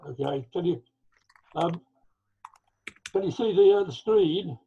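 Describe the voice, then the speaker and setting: A man's voice: sits high, slow pace, vocal fry, husky. A man speaking as a guest speaker on a video call, hesitant and repeating words, his voice coming through clipped, muffled, phone-like call audio. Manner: hesitant, repeats words while working out the controls. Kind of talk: unsure chat about sharing his screen. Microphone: computer on a video call. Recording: muffled lo-fi call line, distant from the mic.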